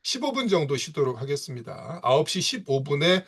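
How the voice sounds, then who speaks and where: Lively man lecturing, filler-heavy. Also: on the high side, brisk, slightly rough. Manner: frequent "예" and "이제" fillers, rhetorical questions. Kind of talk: online reading-seminar lecture. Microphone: video call.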